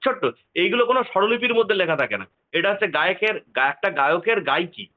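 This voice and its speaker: A man teaching singing on a video call, singing phrases slowly and explaining in quick low asides. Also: expressive. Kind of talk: online music lesson, talking and singing phrases. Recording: tinny phone-like line with faint guitar.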